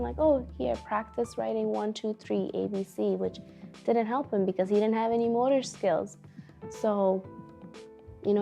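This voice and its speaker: Low-key young woman with a gravelly edge. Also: mellow. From Afghanistan. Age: young adult. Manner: earnest, reflective, many fillers like "like" and "you know". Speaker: teacher. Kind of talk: documentary interview testimony.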